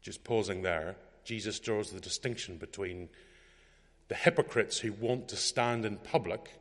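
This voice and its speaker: A man giving a measured, reflective sermon, reading scripture aloud with a lift in his voice. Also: lowish voice, long reverb tail. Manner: measured, reflective delivery, rising for quoted scripture. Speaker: preacher.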